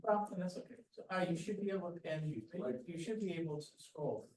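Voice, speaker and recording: A man's voice: high-pitched, fast, far from the mic, a crowd in the background. A man hesitantly giving casual instructions at a club meeting, with many fillers. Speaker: club member. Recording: echoey room, voice from off-mic.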